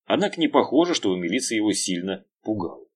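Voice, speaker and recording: A man narrating an audiobook in a lively, expressive reading. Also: lowish voice, fast talker. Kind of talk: scripted narration.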